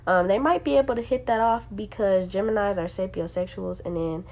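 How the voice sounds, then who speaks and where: Stuffed up with a sinus infection, a young astrology host talks casually to her viewers on camera, peppering her speech with slang, "um," and "like." Her voice is medium-pitched and darkish, and she speaks fairly quickly.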